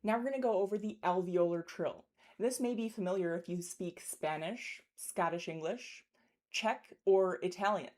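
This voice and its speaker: A woman's voice: on the low side, normal speed, darkish tone. A woman teaching pronunciation as a linguist, explaining carefully and articulately and demonstrating speech sounds, with a throaty r in German example words.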